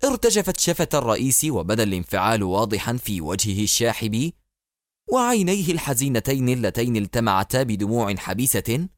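A man narrating a thriller novel in a dramatic, expressive storytelling manner. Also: medium pitch, fairly quick, dry recording, studio quality. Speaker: audiobook narrator.

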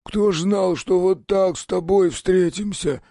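A man voicing a frightened drunk peasant witness in an audiobook, with rough, folksy common speech. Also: high voice, measured pace, warm tone, dry recording, clean studio sound, voice pushed up. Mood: confiding. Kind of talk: audiobook character voice.

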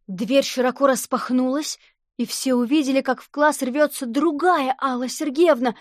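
Woman narrator for a kids' audiobook, fairly high voice, dry close sound. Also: dry recording. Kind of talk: audiobook reading of a children's story.

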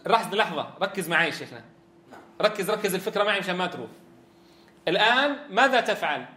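Bright-voiced man teaching Quran recitation. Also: sits high, big pitch swings, fast talker, echoey room. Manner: demonstrates sounds, drills students with repeated questions. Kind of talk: tajweed lesson.

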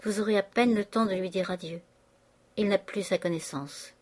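A woman's voice: lowish voice, moderate pace, a little mellow, close to an everyday voice. A woman reading an audiobook, voicing a frightened male servant with urgent, alarmed speech. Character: frightened male servant bringing bad news.

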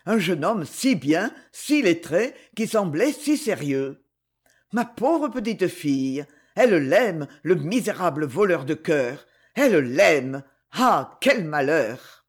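A man doing a gentle, distraught old grandfather. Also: fairly high pitch, big pitch swings, takes it slowly, slightly rough, full character voice. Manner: tender, agitated, stammering.

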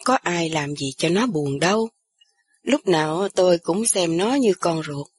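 A woman's voice: fairly low pitch, animated, a little slow, darkish tone, husky, no room sound, pitched below the performer's own voice. A woman voicing an older woman, an anxious aunt who speaks through tears. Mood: tearful. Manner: tearful, pleading.

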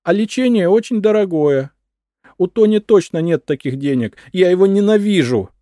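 A man voicing a hysterical, paranoid housewife in an audiobook, with shrill, frantic outbursts. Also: animated, moderate pace, warm tone, no echo, clean studio sound, lightly acted. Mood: shrill, unhinged.

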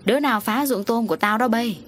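A woman voicing a scheming rich village wife who panics over ghosts, in a raised, shrill voice. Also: normal speed, slight background noise, natural voice. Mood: scolding.

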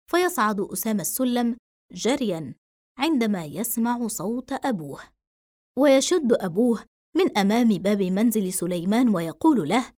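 A woman narrating a novel in steady, measured scripted reading. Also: on the high side, no echo, studio quality. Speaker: audiobook narrator.

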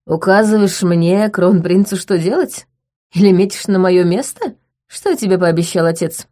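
A woman's voice: on the low side, moderate pace, mellow, natural voice. Woman voicing a drunk mocking crown prince. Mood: menacing. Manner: mocking, slurred drawl. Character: drunk arrogant young male crown prince.

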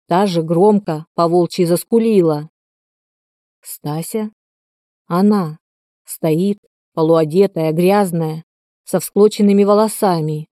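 Low, mellow female audiobook narrator. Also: dry recording, studio quality. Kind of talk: scripted narration.

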